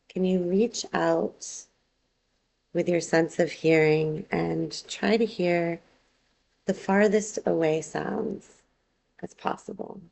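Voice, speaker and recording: This yoga nidra teacher, a woman, talks listeners through a relaxation with a rather low, strongly creaky voice. Her delivery is very slow and calm, made of gentle, unhurried directions, and the recording quality is low.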